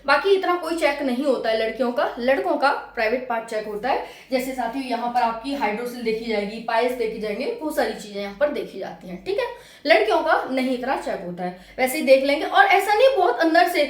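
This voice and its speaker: In an echoey room, a high-pitched woman coaches exam candidates like a casual classroom explainer. She chats easily, repeats her points, and talks to viewers as if they were friends.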